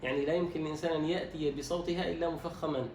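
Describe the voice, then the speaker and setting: Fast-talking male recitation teacher. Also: fairly high pitch, fairly even intonation, darkish tone. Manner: instructive, quizzes and demonstrates slow drawn-out words. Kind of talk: recitation lesson, correcting a student. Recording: roomy echo, distant mic, faint noise.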